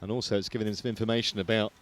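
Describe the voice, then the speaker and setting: A man calling the play-by-play at a poker tournament, narrating the action in a dry, measured way. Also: fairly low pitch, steady tone.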